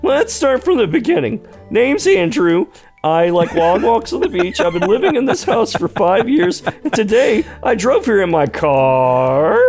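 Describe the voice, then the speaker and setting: A flustered, rambling young homeowner pleads in a high, loud, comically strained voice, as a man puts him on. The pitch swoops widely and has a gravelly edge. Soft music plays underneath. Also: sing-song, measured pace, exaggerated voice. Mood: pleading, nervous.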